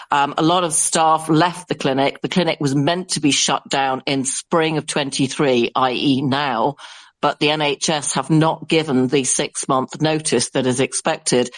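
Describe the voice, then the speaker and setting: A man on a discussion panel, calmly passing on a news report. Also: fairly high pitch.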